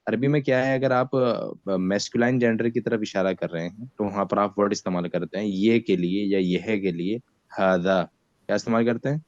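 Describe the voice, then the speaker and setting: A man teaching beginners Arabic in an online class, speaking with an Indian accent and patiently having students repeat words after him while fasting with a headache. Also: lowish voice, steady tone, darkish tone, no room sound. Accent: Indian Hindi-Urdu. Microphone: video call. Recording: dull lo-fi video call audio.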